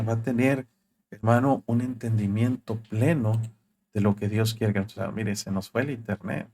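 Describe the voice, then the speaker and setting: A man's voice: medium pitch, slight background noise. A man preaching as a pastor on a live broadcast, voicing quoted thoughts with rising emphasis.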